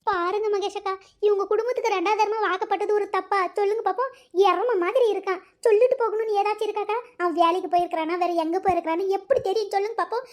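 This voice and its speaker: A woman voicing a wailing village mother, very high. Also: fairly even intonation, racing. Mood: distraught. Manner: wailing, complaining. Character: distressed village mother and neighbour women.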